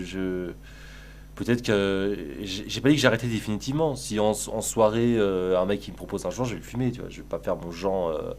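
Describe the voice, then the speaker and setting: A man's voice: deep voice, a little hiss or hum. Crude, sarcastic male streamer. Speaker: live streamer. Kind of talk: casual live-stream chat.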